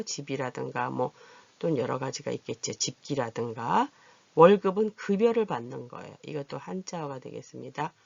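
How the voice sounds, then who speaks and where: A patient adult literacy teacher who slowly drills vowel pronunciation and repeats each word for learners to follow. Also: medium pitch, creaky, no echo, highs cut off. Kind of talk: Korean vowel lesson.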